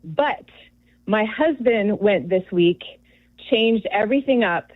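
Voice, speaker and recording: A woman's voice: medium pitch, animated, takes it slowly, dry recording. A woman nearing fifty calling in to a radio show, chatty and rambling. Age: 40s. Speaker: caller. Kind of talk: call-in chat. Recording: dull phone line.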